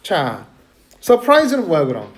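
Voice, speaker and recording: A man with a slightly high voice speaks slowly while teaching an English grammar lesson to a middle school class. In a lively classroom lecture, he constantly quizzes his students and calls on them by name.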